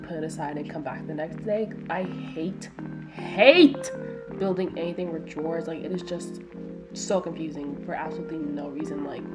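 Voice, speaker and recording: A young woman with a stuffy nose talks through a relaxed voice-over, chatty and self-mocking, leaning on lots of fillers. Her voice sits a little low for a woman. Loud music plays behind her. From Florida, USA. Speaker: lifestyle vlogger. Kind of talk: casual voice-over narration. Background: loud background music.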